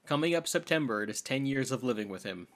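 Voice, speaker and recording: Animated joking man hosting a podcast. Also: mid-range voice, fast. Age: 30s. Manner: teasing, animated, jokey. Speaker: podcast co-host. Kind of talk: casual chat.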